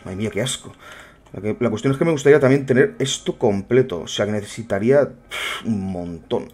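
A man's voice: mid-range voice, brisk, a little mellow. A young man muttering wry commentary to himself while playing a game. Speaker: gameplay streamer. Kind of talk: casual gameplay commentary.

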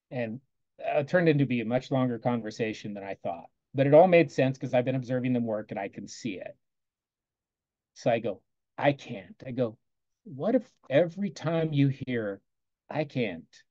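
A man on a video call walks through a lesson he taught, talking casually and quoting what he told his students. His voice is mellow and relaxed at a middling pitch. The sound is dry and slightly muffled. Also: dry recording. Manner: conversational, quotes himself often with "I go", soft asides. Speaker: teacher presenting a lesson.

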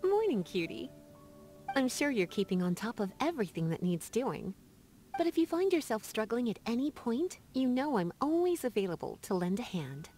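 Lisa, languid flirty sorceress, swooping pitch. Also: female voice, big pitch swings, warm tone. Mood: affectionate, relaxed. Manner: languid, teasing, breaking into sighs and drawn-out words. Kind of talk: video game character dialogue. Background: background music.

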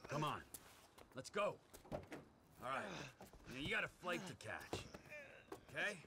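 A defiant male criminal in a video game, with a raised pitch. He is brusque, volatile and foul-mouthed, over clear engine noise. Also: sing-song, measured pace, full character voice. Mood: impatient. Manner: brusque, profane.

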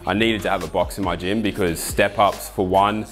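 A man in his thirties with an Australian accent, giving a relaxed, enthusiastic walkthrough of his garage home gym. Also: sits low, normal speed, soft background music. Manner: relaxed, enthusiastic, explains with asides. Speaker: fitness ambassador giving a gym tour. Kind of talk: casual walkthrough to camera. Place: home garage gym with roller door, indoors.

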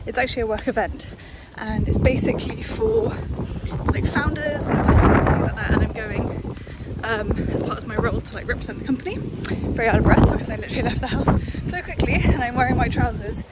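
Heavy background noise accompanies this casual vlog, where a young adult woman talks chattily and candidly to her phone at arm's length. She walks through an empty house indoors, then along a street outside, her fairly high voice animated and fairly quick.

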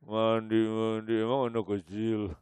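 A man acting out a stern, gruff old father who barks sharp, scolding orders at his grown son. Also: lowish voice, little pitch movement, a little slow, no room sound, lightly acted. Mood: grumbling.

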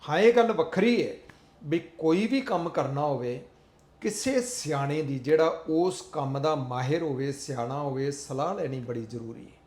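Man, motivational speaker; earnest, repetitive delivery, slightly raised pitch, roomy echo. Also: lively intonation, normal speed, darkish tone. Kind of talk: motivational talk.

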